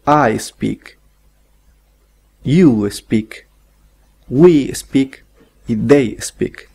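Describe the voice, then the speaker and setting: Slow, gravelly-voiced male teacher. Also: mid-range voice, dark tone. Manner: slow, deliberate, repeats example sentences. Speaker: English teacher. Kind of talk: online grammar lesson.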